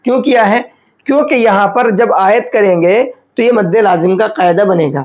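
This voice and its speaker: A man teaching Quran recitation rules step by step. He asks questions aloud and answers them, and he slows right down to recite the example words. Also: high-pitched. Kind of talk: step-by-step tajweed lesson.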